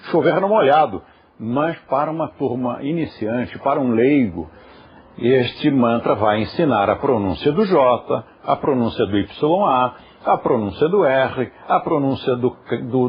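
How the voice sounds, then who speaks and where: A man's voice: medium pitch, husky. A man teaching a yoga class, patiently explaining pronunciation and turning aside to talk to viewers at home. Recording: dull lo-fi recording.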